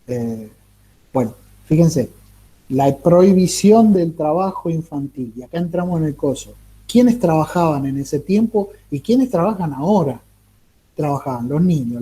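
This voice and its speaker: A man lecturing a class, halting and repeating words, often asking the listeners rhetorical questions. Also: mid-range voice, dark tone, slight background noise. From Argentina. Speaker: teacher.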